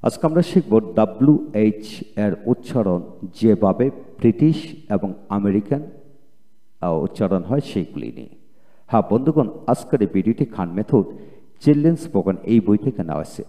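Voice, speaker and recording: A man's voice: fairly low pitch, mellow. A man giving a recorded pronunciation lecture, drilling words by repeating them aloud. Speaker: English pronunciation teacher. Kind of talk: video lecture. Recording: muffled audio with long reverb.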